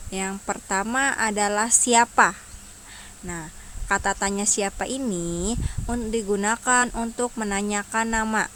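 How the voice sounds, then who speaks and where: A woman's voice: medium pitch, measured pace, fairly bright tone, a little hiss or hum. A woman primary school teacher, giving an online lesson to young children and patiently asking them questions before answering them herself.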